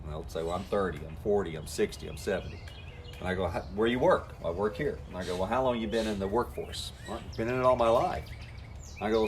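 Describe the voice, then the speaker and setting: Speaking to camera in a folksy style, a man coaches network marketers, acting out the conversations he has with people. His voice is lowish, with slight background noise.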